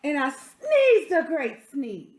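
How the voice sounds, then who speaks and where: A woman's voice: high-pitched, wildly swooping pitch, slow, pitched above the performer's own voice, full character voice. A woman voicing an indignant, self-justifying wolf who tells his side of a storybook tale in a folksy, emphatic way. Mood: storytelling, exasperated. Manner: folksy, emphatic, protesting innocence. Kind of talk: storybook read-aloud.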